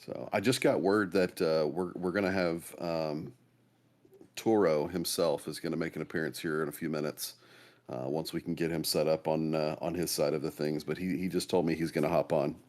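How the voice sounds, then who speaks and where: A man co-commentating in a relaxed, modest way, chatting casually with fillers. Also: a bass voice, moderate pace. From United States.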